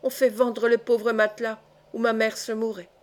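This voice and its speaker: A woman's voice: fairly high pitch, little pitch movement, normal speed, a little mellow, lightly acted. A woman reading aloud, voicing a young male poacher who talks through clenched teeth, tense and threatening. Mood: tense, scornful.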